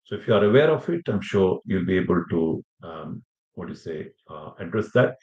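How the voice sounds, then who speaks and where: A man with a fairly low voice gives an informal lesson, rambling a little and dropping in "you know" asides. The sound is roomy and echoey, and the audio is a bit dull and muffled. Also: sing-song, fairly quick, darkish tone. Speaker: IELTS teacher. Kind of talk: informal lecture to students.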